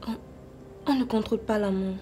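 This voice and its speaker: A woman with a Cameroonian French accent playing a scheming cousin who softly tries to seduce a married man. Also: mid-range voice, steady tone, brisk, a little hiss or hum, natural voice. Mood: seductive. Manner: soft, coaxing, seductive.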